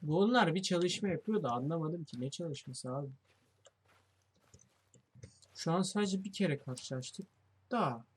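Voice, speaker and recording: Young male gamer, slightly high and husky, nervous swearing let's play commentary. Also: expressive, measured pace, long pauses. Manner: jumpy, swearing, thinking aloud to viewers. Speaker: gamer playing a horror game.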